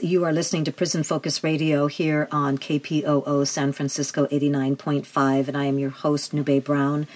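A woman hosting activist talk radio, speaking earnestly and emphatically in a halting way, searching for words and restating phrases. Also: deep voice, a little mellow. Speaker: radio host.

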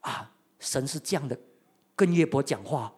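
Husky, animated preacher. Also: mid-range voice, normal speed. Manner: animated storytelling with rhetorical questions. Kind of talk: sermon.

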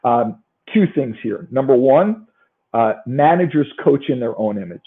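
A man's voice: medium pitch, animated, unhurried. A man with a New York accent giving a motivational business talk as a coach, emphatic and often putting rhetorical questions to his listeners. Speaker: sales coaching speaker and trainer. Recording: thin, narrow-band phone-like sound.

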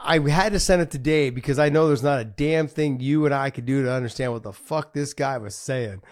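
A man co-hosting a casual podcast, excitable and laughing often. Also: medium pitch, a little fast. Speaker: podcast co-host.

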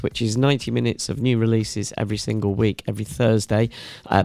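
A male DJ casually hosts a music podcast in a frog-like croak. His voice is hoarse from illness and full of gravelly fry. The sound is dry, with very little room to it. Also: medium pitch, darkish tone, no echo. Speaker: podcast host and DJ.

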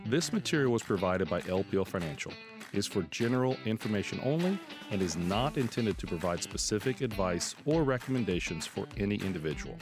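A low-voiced American man delivers a formal legal disclaimer over prominent guitar music. His scripted recitation runs on without a break, with lively rises and falls in pitch. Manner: formal, unbroken recitation of fine print. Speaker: disclaimer announcer.

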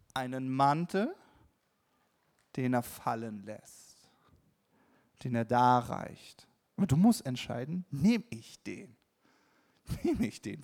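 A middle-aged man giving a personal, conversational sermon, often breaking off and restarting, and acting out his own inner voices. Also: on the high side. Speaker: preacher. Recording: long reverb of a large hall.

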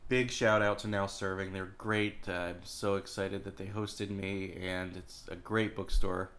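A man's voice: low-pitched, fairly even intonation, unhurried, a bit bright. A man hosting a podcast in a casual, chatty way, sounding congested and stuffy-nosed from a cold. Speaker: podcast host. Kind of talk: casual scripted-free podcast introduction.

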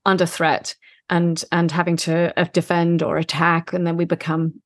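Woman podcast host, gentle and affirming, low-ish pitch, level intonation. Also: completely flat delivery, normal speed, no room sound. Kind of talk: casual chat.

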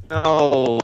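A man joking with his podcast co-hosts over a muffled lo-fi headset mic that makes him sound underwater. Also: fairly high pitch. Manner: joking, deadpan comebacks. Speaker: podcast co-host. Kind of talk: casual group chat. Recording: dull lo-fi voice-chat line with faint hiss.

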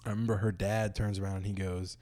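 A man's voice: deep voice, little pitch movement, quick pace, warm tone. A young man chatting casually with a friend, telling laid-back stories and laughing often. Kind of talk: casual chat.

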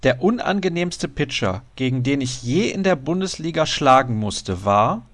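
A man's voice: medium pitch, animated, moderate pace, a bit bright, no room sound. A man hosting a casual interview show, putting questions to a guest in conversational German. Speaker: radio show host.

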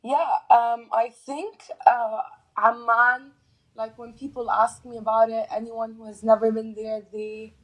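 A woman's voice: a little high, little pitch movement, unhurried, rough recording. A young woman from Jordan, a fashion influencer, answering interview questions hesitantly with many fillers. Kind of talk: casual interview chat.

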